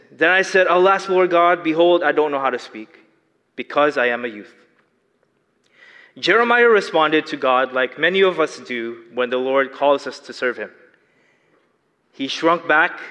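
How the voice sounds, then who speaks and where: This young man from the Philippines, a lay preacher, has a fairly high-pitched, sharp voice, a Filipino accent and a slight lisp. He gives an earnest sermon full of questions for the congregation. Long hall reverb fills the large church space.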